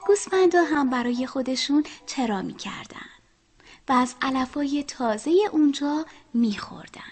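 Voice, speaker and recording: A woman telling a children's story, speaking to the children and often dropping to a soft whisper. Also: high voice, animated, faint music behind.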